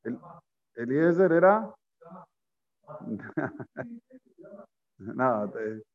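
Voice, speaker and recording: A man's voice: mid-range voice, expressive, very slow. A man teaching a Torah class, telling stories and putting questions to his listeners. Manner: storytelling, poses questions to listeners, mixes in Hebrew terms. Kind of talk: Torah class to a live group. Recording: lo-fi recording.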